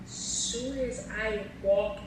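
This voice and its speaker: A young woman casually telling a story on her vlog, animated and laughing often, acting out the voices she quotes. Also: mid-range voice, drawn-out words. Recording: very echoey, distant mic, noisy room.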